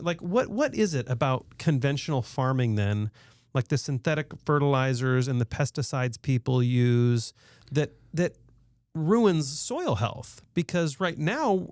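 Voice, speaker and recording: A man's voice: on the high side, a little mellow, dry recording, studio quality. A man hosting a podcast interview, chatting and asking long, winding questions. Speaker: podcast host.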